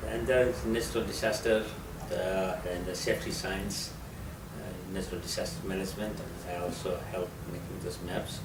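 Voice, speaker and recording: A middle-aged man from Nepal with a Nepali accent, answering interview questions in a halting way with many fillers. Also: deep voice, little pitch movement. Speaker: interviewee, geography professor. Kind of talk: conversational interview. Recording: roomy and distant, with loud background noise.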